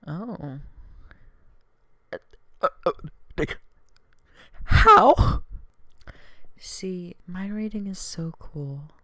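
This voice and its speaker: A woman's voice: lowish voice, slow pace, long pauses, fairly bright tone, no echo, studio quality. A woman streamer reading a story aloud, reading the narration evenly and then breaking off into chatty, giggly asides.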